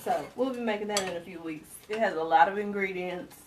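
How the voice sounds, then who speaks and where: Speaking fairly quickly in a medium-pitched voice, a woman in her twenties hosts a live cooking demo from her home kitchen. She chats directly with viewers and laughs easily, while frying pans sizzle and utensils clatter in the background.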